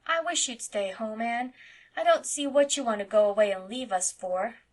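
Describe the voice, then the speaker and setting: At a normal pace and close to her everyday voice, a woman takes on the role of a mischievous eight-year-old farm boy. He's blunt, insistent, defiant and chattering, delivered in a high, loud, childlike insistence.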